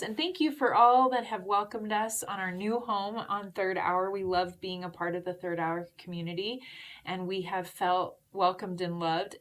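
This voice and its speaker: A woman hosting a talk show, encouraging her guest with follow-up questions. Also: mid-range voice. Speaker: host.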